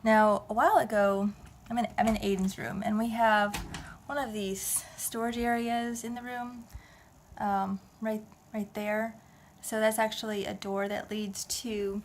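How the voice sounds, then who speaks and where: Speaking a little high over slight background noise, this thirties vlogger talks to her camera inside the family home. Her casual chat wanders as she thinks out loud and keeps starting over.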